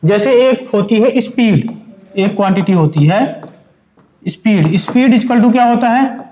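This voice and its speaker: High-voiced man teaching in an echoey room. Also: animated, unhurried, mellow, muffled recording. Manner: explains step by step, asks and answers his own questions; mixes Hindi and English terms. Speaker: physics teacher. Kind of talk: classroom lecture.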